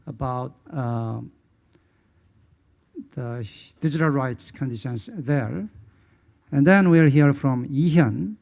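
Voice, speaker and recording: A man's voice: mid-range voice, gravelly, a little mellow. A man from Indonesia moderating a conference panel, hesitant and full of filler sounds.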